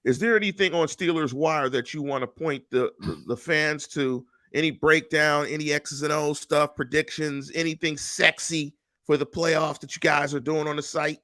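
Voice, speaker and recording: Middle-aged guy hosting a sports pod, bright forceful voice, dry close mic. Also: fairly high pitch, fairly even intonation, normal speed, hardly any pauses, no echo. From Pittsburgh. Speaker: podcast host. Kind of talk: casual sports podcast chat. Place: home room. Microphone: headset and studio mic on video call.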